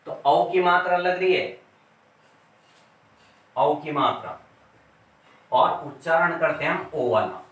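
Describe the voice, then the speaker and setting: Male teacher, slightly high voice, slow and deliberate, repeats words while writing, echoey classroom recorded from far off. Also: fairly bright tone. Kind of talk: classroom grammar lesson.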